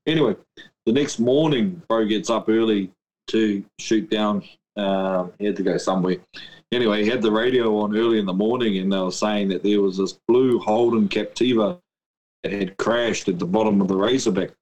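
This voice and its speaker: Bloke, slangy and sweary. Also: male voice, on the low side, moderate pace, a little mellow, highs cut off. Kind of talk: casual storytelling chat.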